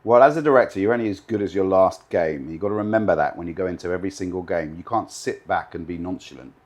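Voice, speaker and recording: A British-raised man in his fifties, a live TV director, answers interview questions confidently in a low, fast voice, often stacking his points into emphatic lists.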